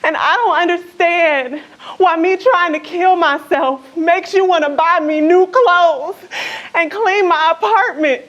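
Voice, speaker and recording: A woman's voice: very high-pitched, measured pace, fairly bright tone. A woman playing a depressed young woman who talks bluntly and dryly. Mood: weary. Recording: dull lo-fi sound.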